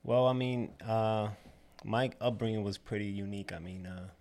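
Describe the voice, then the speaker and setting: A man's voice: fairly low pitch, moderate pace, a little mellow. A man from the Dominican Republic, a barber and shop owner, telling his story in an easygoing way, loose with you know and uh. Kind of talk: casual interview.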